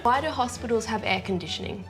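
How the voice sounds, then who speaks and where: A woman telling dark dad jokes as a challenge contestant, with a question or setup and then the punchline. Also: on the high side, fast, loud music behind the voice. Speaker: contestant in a try-not-to-laugh joke challenge.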